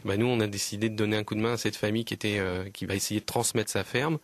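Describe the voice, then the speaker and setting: Man from Lower Normandy, radio guest, low voice, earnest, halting with fillers, dry close sound. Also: fairly even intonation, no echo. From Lower Normandy, France. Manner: earnest, hesitant, many fillers and restarts. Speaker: guest, land trust representative. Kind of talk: radio interview answers.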